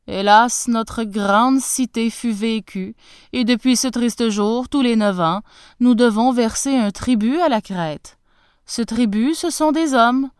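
A woman's voice: fairly high pitch, slow, smooth, no room sound, studio quality. A woman voicing a grave, sorrowful old king speaking to his son, solemn and weighty.

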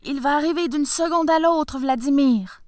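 A woman's voice: high-pitched, normal speed, no room sound, clean studio sound, pitched above the performer's own voice, lightly acted. A woman voicing a humble, anxious old clockmaker and father, who speaks in a worried, hesitant way.

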